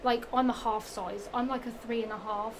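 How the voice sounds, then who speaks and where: In a noisy home recording, a young woman from England shows off shoes in a chatty vlog, speaking at a moderate pace in a fairly high, steady voice with a Norfolk accent. The heat leaves her sounding slightly strained. Her delivery is giggly and rambling, with repetition, many fillers and frequent restarts.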